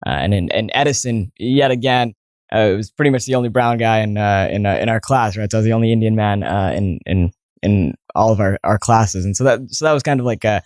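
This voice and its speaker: A young American-accented man in his twenties, born in Saudi Arabia and partly raised in New Jersey, tells stories as a guest in a casual interview, with plenty of fillers and restarts. His voice is fairly low, slightly quick and a little mellow. The recording is dry and clean, with studio quality.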